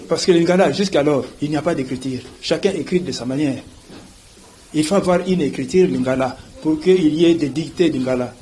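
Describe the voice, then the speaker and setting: A man's voice: on the high side, darkish tone, slight background noise, rough recording. A man, a language professor explaining in a TV interview, spelling out letters and often asking whether you see. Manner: didactic, repeats "vous voyez", spells out letters.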